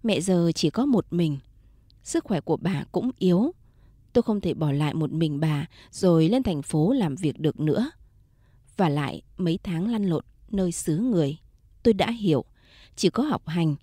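A woman storyteller reading a first-person country story in a calm, measured way. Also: fairly low pitch, dry recording, studio quality. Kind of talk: first-person scripted narration of a late-night story.

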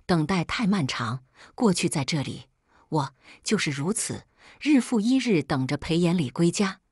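A woman with a lowish, slightly husky voice tells a first-person story in a measured, plaintive way. The recording is dry and close to the mic, with no room sound. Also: lively intonation, darkish tone, no echo. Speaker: narrator.

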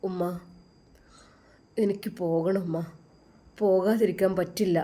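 A devout young man speaks softly and low in a told story, as a woman puts him on. He sounds earnest and pleading, mid-pitched and even. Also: a little slow, natural voice.

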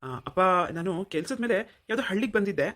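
A woman voicing a kind, protective young man in a cartoon, who soothes and teases gently. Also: mid-range voice, lively intonation, fast talker, close to an everyday voice. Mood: polite. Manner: soothing, playful reassurance. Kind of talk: cartoon voice acting.

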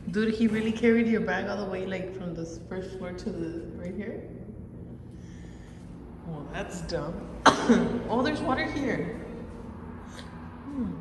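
In a hotel room and its hallways, a young woman in her twenties vlogs on a handheld phone camera, chatting casually, swearing, laughing, and tossing in Spanish phrases. Her mid-range voice moves slowly with frequent pauses, and there's background noise.

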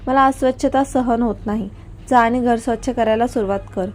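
A woman's voice: fairly high pitch, steady tone, brisk, a little mellow, natural voice. Woman reading the lines of a cold, arrogant young husband. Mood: harsh. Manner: cold, commanding, scornful. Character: arrogant domineering rich young husband, male.

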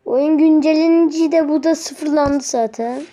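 A woman giving live gameplay commentary, grumbling and repeating words in quick bursts as she plays. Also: high-pitched, warm tone. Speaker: gaming video host.

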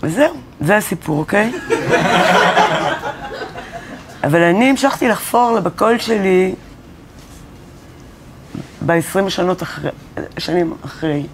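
A woman's voice: medium pitch, long pauses, noisy background. A woman singer-songwriter telling stories in a casual interview, acting out the dialogue she quotes. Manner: animated storyteller who acts out quoted dialogue. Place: college studio or classroom.

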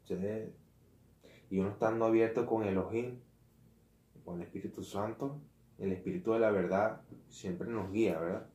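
A man preaching in a casual, informal way, halting and correcting himself often, with slangy asides. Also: on the low side, fairly even intonation, dark tone. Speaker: lay preacher. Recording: roomy echo.

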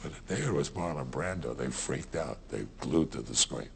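Gravelly, very deep-voiced man telling stories. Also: lively intonation, normal speed, heavy background noise. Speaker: interviewee. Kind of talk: documentary interview.

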